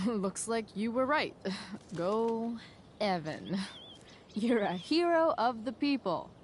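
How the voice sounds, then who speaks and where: A woman's voice: fairly high pitch, expressive, slow, slight background noise. An actress playing a sardonic, rebellious teenage girl in a video game, with a casual, sarcastic way of speaking. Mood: amused, sarcastic.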